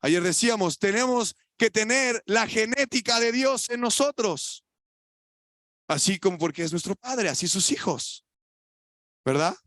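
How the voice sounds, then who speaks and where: High-voiced Mexican preacher, dry sound. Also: male voice, animated, measured pace, no echo. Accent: Mexican Spanish. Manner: colloquial, asks the audience rhetorical questions; swings between loud emphatic lines and quiet asides. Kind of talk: sermon. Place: church.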